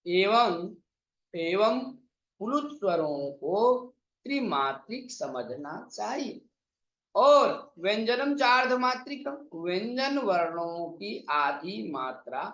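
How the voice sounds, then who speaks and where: A man teaching an online exam-prep lesson, drawing out vowel sounds slowly and reciting verses in a chanting lilt. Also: high voice, fairly bright tone. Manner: slow, drawn-out vowel demonstrations. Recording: echoey, slightly dull sound.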